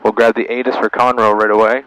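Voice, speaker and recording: Wearing an aviation headset in a small plane's cockpit, a pilot narrates his flight vlog in short procedural phrases, broken up by radio calls. His lowish voice is smooth and fairly bright, delivered flatly and fast. The rough recording has no echo, only faint engine and radio noise.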